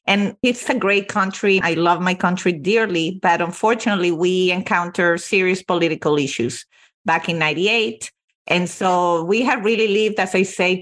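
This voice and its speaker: A woman from Venezuela, a company CEO, telling her career story with earnest emphasis as a podcast guest. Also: fairly low pitch. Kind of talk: podcast interview.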